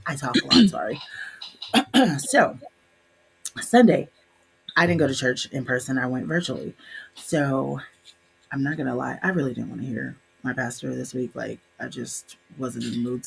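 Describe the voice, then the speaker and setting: A young adult woman co-hosting a podcast, telling a story in a casual, animated way and doing the voices of her relatives. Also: very deep voice, vocal fry, slight background noise. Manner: animated, voices quoted relatives, laughs often. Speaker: podcast co-host.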